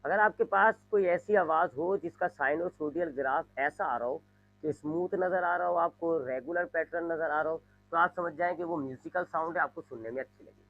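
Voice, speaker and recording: Man teaching physics, somewhat high voice. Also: normal speed, phone-quality sound. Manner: repetitive explaining, imitates sounds. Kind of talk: classroom lecture.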